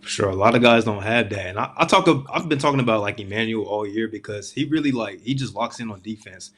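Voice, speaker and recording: Casting: male sports show host, lowish pitch, loose conversational interview style with slangy wording. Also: fast talker, fairly bright tone. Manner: informal slangy phrasing.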